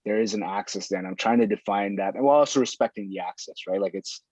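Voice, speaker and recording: A man's voice: lowish voice, quick pace, a little mellow, no room sound, rough recording. A man in casual conversation, thinking aloud and circling back on his phrases.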